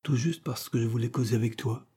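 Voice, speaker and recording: Young male student, earnest and resolute, read by a male narrator; husky, dark voice. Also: medium pitch, fairly even intonation, brisk, pitched above the performer's own voice, close to an everyday voice. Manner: earnest, determined. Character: eager young man, poor student set on university.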